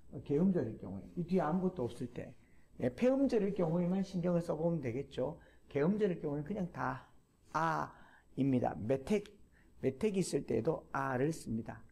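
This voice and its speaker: A man lecturing to a class, explaining step by step, repeating key terms and pausing with fillers. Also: on the high side, gravelly, a little mellow.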